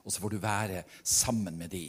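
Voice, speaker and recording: A man preaching a sermon, telling stories earnestly and swinging between loud and hushed delivery. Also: deep voice, steady tone, husky. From Norway.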